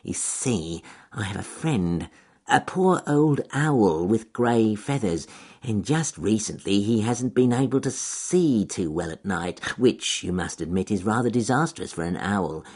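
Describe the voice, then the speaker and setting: A man's voice: lowish voice, lively intonation, darkish tone, husky. A man drawling as a sneaky, hissing weasel. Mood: sly. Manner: slow, sly, hissing through teeth. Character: sneaky lying male weasel.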